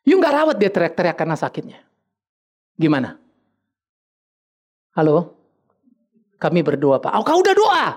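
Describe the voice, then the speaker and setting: A man's voice: on the high side, warm tone. A man preaching a sermon as a pastor, joking and slipping English words into his talk.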